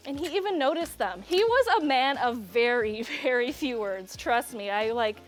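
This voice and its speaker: Cooking on a studio kitchen set, this young Serbian host talks at a moderate pace in a slightly high, expressive voice, with faint music behind her. Her chat is casual, full of laughter, and prone to slipping into family stories.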